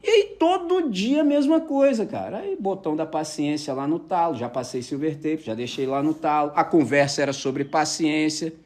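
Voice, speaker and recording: A man's voice: a little high, normal speed, few pauses. A man preaching a casual sermon, telling personal stories and checking with his listeners that they follow. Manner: animated storyteller, keeps asking the audience if they follow.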